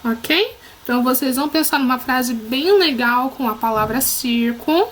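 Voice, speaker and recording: In this low-quality recording with a little hiss or hum, a woman with a high-pitched voice teaches children at a moderate pace. She has a Brazilian Portuguese accent and is patient and encouraging, frequently making sure the kids keep up.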